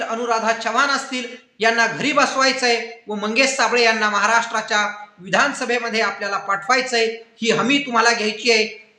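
A man's voice: very high voice, pushed and bright, roomy sound. A man giving an impassioned, oratorical campaign appeal as a political commentator, rallying his listeners. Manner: rousing, oratorical, addresses viewers as friends and brothers.

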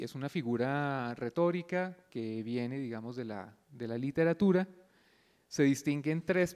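A man giving an explanatory lecture before a concert, often pausing to check his listeners follow him. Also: medium pitch, a little mellow, clean tone. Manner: didactic, checks in often with a questioning "yes?"; thinks aloud with fillers and restarts. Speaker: lecturer at a pre-concert talk.

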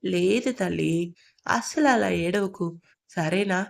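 A woman playing a tender young mother in an audio story, soft and gentle, her voice dropping quieter and a little lower than the narration. Mid-pitched female tone. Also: slow pace, gravelly.

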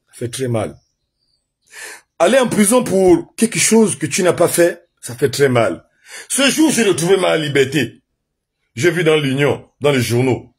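A man from Gabon with a Gabonese French accent, loudly and emphatically telling the story of his detention and trial. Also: on the high side, breathy edge. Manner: loud, emphatic, says his voice is naturally loud, laughs while telling. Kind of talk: animated personal storytelling to an audience.

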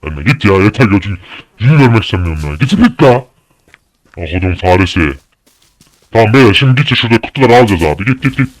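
A young man giving angry gameplay commentary, swearing and shouting at the game in a fury. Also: on the low side, expressive, racing, no room sound. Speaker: gaming YouTuber.

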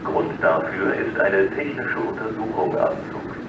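A man reads a flat, formal, segmented scripted platform announcement as a railway station announcer. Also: low-pitched, measured pace. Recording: echoey, distant, dull station loudspeaker with noise.

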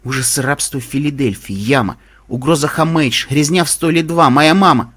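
A man reading a first-person audiobook in an expressive, emotional way. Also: fairly high pitch, normal speed, breathy edge. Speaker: audiobook reader.

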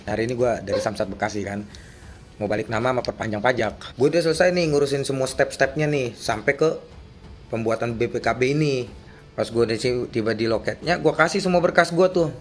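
A man's voice: medium pitch, fairly quick. A young man telling his complaint in a casual, slangy, agitated way. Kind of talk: casual vlog-style account.

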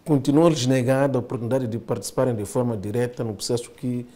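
A middle-aged man hosting a studio TV interview, asking measured, formally phrased questions. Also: mid-range voice, steady tone, dark tone.

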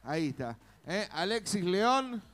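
A man's voice: high voice, measured pace, fairly bright tone. A man with an Argentine accent co-hosting a live outdoor festival, bantering and teasing the crowd into a stage mic. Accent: Argentine Spanish. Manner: playful, teasing, chatty. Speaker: festival co-host.

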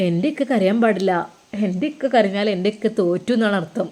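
Woman voicing a gentle consoling younger brother. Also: medium pitch, brisk, close to an everyday voice. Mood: concerned. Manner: soothing, earnest, reassuring.

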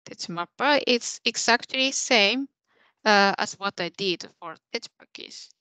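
In a small room on a video call, a young adult woman gives a technical software demo, explaining each step. Her mid-range voice is unhurried, bright and forceful, also clear and resonant. No room sound comes through.

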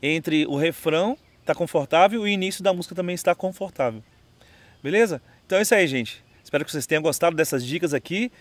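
A man's voice: fairly high pitch, fast, no room sound. A Brazilian man with a Brazilian Portuguese accent, teaching singing in a casual video lesson, chatty, often checking in with "entendeu?". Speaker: music teacher. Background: his own guitar playing.

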